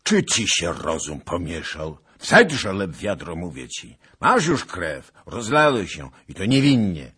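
A man's voice: mid-range voice, wildly swooping pitch, slow, husky, pitched above the performer's own voice, full character voice. A man voicing a boisterous, garrulous old nobleman who swears colorful oaths, in an audiobook. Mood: alarmed shouting. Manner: loud, exclaiming, mock-pompous oaths. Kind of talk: audiobook character voice.

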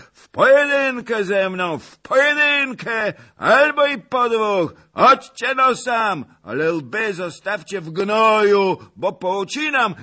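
A man's voice: sits high, bright, forceful tone, voice pushed up, full character voice. A man voicing a boisterous, blustering old nobleman in an audiobook, roaring insults. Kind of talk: audiobook character voice.

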